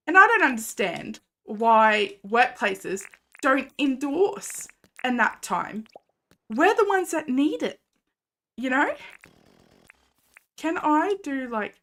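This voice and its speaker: A woman's voice: fairly high pitch, a bit bright. A young woman streaming a game and chatting casually with viewers, rambling with lots of fillers and laughs. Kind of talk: casual live-stream chat.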